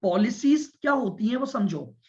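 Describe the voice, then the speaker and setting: A man with a rather high voice teaches a commerce class. He works through the material deliberately, repeats key points and keeps asking the students whether they follow. The recording is muffled and lo-fi. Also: expressive. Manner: explains step by step, repeats points and checks understanding with students; speaks deliberately and stresses listening. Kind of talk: classroom lecture. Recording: dull lo-fi lecture recording.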